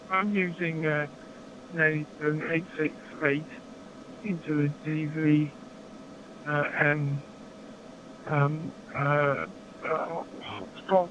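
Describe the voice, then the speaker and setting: An older man with an English accent, chatting haltingly over a crackly two-way radio with long hesitant pauses. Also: on the high side, a bit bright. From Somerset, England. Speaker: amateur radio operator. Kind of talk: amateur radio contact chat. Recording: muffled noisy digital radio link.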